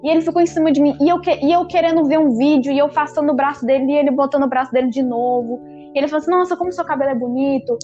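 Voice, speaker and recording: A young woman with a high voice, talking quickly and animatedly in a casual chat with friends. She keeps acting out what people said, full of fillers. The sound is dull and lo-fi, with faint music in the background. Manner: animated, lots of fillers and quoted dialogue.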